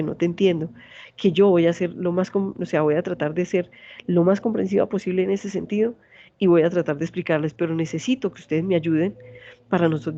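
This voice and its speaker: A woman's voice: on the low side, warm tone, lo-fi sound. A woman in her forties with a Santander Colombian accent, a university teacher giving an online lecture and often asking her students questions. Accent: Santander Colombian Spanish. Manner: asks students many check questions.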